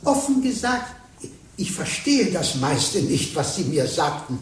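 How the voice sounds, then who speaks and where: An actor playing a polite, formal professor at a medieval university, in an old radio play. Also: male voice, a little high, big pitch swings, measured pace, breathy edge, heavily acted. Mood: courteous. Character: courteous male medieval professor.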